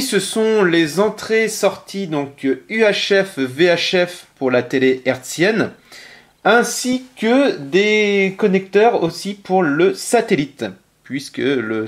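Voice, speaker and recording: A man with a fairly high speaking voice walks through a casual show-and-tell of a console from his collection. He speaks haltingly, filling gaps with "euh" and correcting himself as he goes. His tone is plain and conversational. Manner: hesitant, many fillers and self-corrections. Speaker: video game collector presenting a console.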